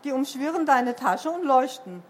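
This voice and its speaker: A woman's voice: high-pitched, expressive, normal speed. A woman voicing a matter-of-fact magical girl in a children's storybook. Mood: offhand.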